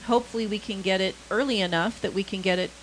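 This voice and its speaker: A woman co-hosting a morning farm radio show, chatty and quick to exclaim and laugh. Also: mid-range voice, a little hiss or hum, rough recording. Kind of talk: casual on-air chat. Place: radio studio.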